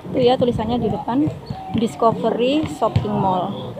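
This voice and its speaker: A woman's voice: fairly high pitch, moderate pace, very noisy. A woman with an Indonesian accent giving a casual walking tour vlog outdoors by a seaside mall, chatting to her viewers as friends. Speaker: vlogger. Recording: loud background music.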